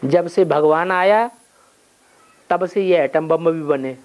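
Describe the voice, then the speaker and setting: A man's voice: fairly high pitch, slow pace, a little mellow. A man leading a spiritual class, answering questions and posing rhetorical questions he answers himself. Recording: dull lo-fi recording with faint noise.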